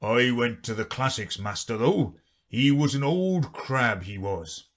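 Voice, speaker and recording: A man voicing the Gryphon, a blunt, impatient storybook beast who speaks loudly and scolds. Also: medium pitch, expressive, a little slow, close to an everyday voice. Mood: gruff. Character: gruff brusque male Gryphon, impatient.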